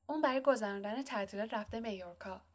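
A woman's voice: medium pitch, lightly acted. A woman reading an audiobook, voicing a stern, bossy middle-aged aunt who scolds sharply. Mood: fretful.

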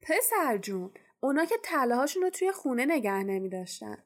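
A woman's voice: high voice, big pitch swings. A woman voicing a huge, good-natured male giant in a storybook reading, talking in a drowsy, easygoing, reassuring way.

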